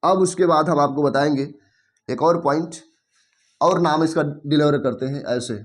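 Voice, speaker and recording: A man's voice: a little high, normal speed. A man with a Bhojpuri accent teaching a chemistry class, explaining step by step and often checking that the students follow.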